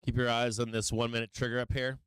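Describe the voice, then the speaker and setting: A man giving casual live trading commentary as a show host, blunt and profane, often halting and repeating himself. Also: medium pitch, level tone, clean tone, no room sound.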